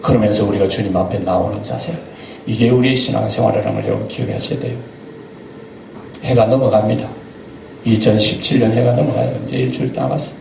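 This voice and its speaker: A male pastor with a Gyeongsang accent preaching a sermon, emphatic, swinging between loud exclamations and low asides. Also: lively intonation, fast talker, vocal fry. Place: church sanctuary. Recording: echoey church hall, distant mic, faint hiss.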